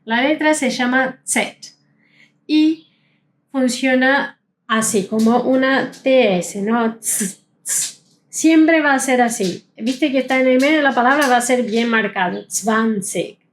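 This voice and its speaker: A woman whose voice sits high teaches German pronunciation, her first language being something other than Spanish. She explains as she goes, slowing her speech to demonstrate sounds, over a faint hiss or hum.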